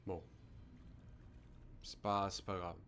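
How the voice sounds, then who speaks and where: A man's voice: deep voice, slow, clear, resonant tone. A man commentating a horror game as a scared streamer, swearing and muttering to himself. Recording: steady background noise with hum.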